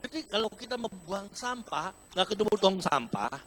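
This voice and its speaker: Casting note: middle-aged man preaching in church, animated storyteller, pitch rises and falls widely, light room noise. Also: normal speed. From Indonesia. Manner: animated storytelling, addresses congregation as saudara, mixes in English words. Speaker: pastor. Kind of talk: sermon with personal story. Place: church hall.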